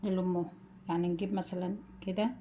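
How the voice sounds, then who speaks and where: A woman with an Egyptian accent hosting a casual home cooking demonstration, gently guiding viewers step by step and calling them her dears. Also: lowish voice, flat delivery, quick pace, slight background noise. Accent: Egyptian Arabic. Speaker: cooking channel host.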